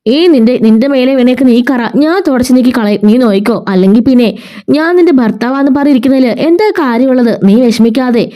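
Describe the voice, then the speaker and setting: A gentle young husband soothes his tearful wife, voiced by a woman narrator. The voice sits high and lifts higher still, with a mellow, soft tone. The reassurance is tender in this told-aloud family serial. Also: a little fast, lightly acted.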